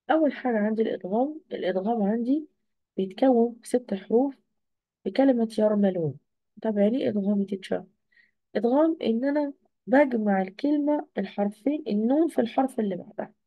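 A woman's voice: fairly high pitch, no echo, dull audio. A woman teacher with an Egyptian accent gives an online exam review, asking questions and answering them herself. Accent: Egyptian Arabic. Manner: asks and answers her own questions.

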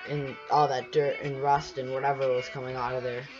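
Young man, casual voice-over, rambling with fillers, middle pitch, music underneath. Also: flat delivery, a little fast, lo-fi sound. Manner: rambling, many fillers and restarts. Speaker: sailing vlogger narrating his boat work. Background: background music.

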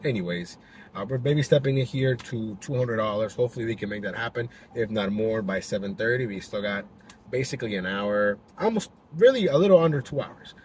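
Speaking a little fast with lively intonation, a young man with a lowish voice chats to his dash-mounted camera while driving. It's casual vlog talk, with lots of fillers and restarts. Faint car noise runs in the background.

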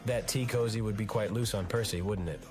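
An actor playing a cheeky, mocking young wizard schoolboy in a fantasy film parody. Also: male voice, lowish voice, fairly quick, over loud music, lightly acted.

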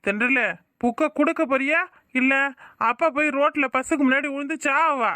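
Drunk cartoon dad, slurred and drawling, strikingly high voice, bright tone, southern Tamil Nadu accent, as a man plays him. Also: fairly even intonation, moderate pace. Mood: wheedling. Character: drunk, scheming village father. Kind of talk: cartoon voice acting.

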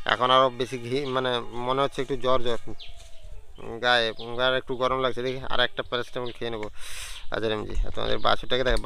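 A young man vlogging casually at home, sick with a cold and a sore throat, chatting with fillers and clearing his throat. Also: medium pitch, pushed and bright, a little hiss or hum. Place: at home and outdoors in the yard. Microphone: handheld camera on a stand.

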